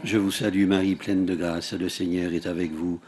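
Deep-voiced man reciting rosary prayers. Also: slight background noise. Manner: steady, measured recitation with falling line ends. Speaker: prayer leader at an outdoor rosary. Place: outdoors at a large rock grotto.

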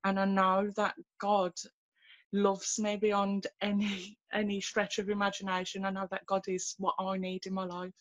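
A woman, sharing her faith story on a video call from home, earnest and halting with many fillers and restarts. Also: mid-range voice, monotone, no room sound, lo-fi sound. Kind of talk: personal testimony in a video call. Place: small room at home, indoors. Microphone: laptop webcam on a video call.

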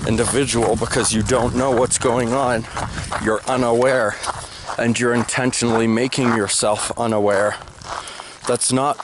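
A man's voice: mid-range voice, noisy background. A young man vlogging outdoors on a walk, talking bluntly and insistently, repeating his points. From United States. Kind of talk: opinionated monologue on a walk. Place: outdoors under open sky. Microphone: handheld camera held low at arm's length.

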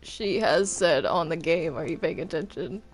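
A woman with a low voice talks at normal speed while playing a multiplayer game, chatting casually. She's hesitant and stammering and often sounds apologetic.

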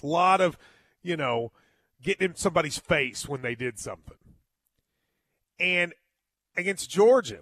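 A male sports host delivers a solo postgame monologue in a fairly high voice. The sound is very dry. He is emphatic, often stopping and repeating words as he makes his point. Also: a bit bright, no echo.

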